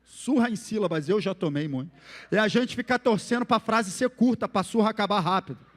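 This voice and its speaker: A man with a Brazilian Portuguese accent preaching a sermon as pastor, animated and acting out the phrases he quotes. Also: sits high, fairly quick, in a large hall.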